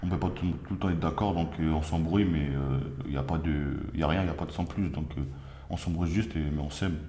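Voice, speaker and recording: A man's voice: very deep voice, a little fast, mellow, echoey room, slight background noise. A man playing a young husband questioned by the gendarmes, hesitant and full of fillers. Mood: defensive. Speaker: suspect. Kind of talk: amateur acted interrogation.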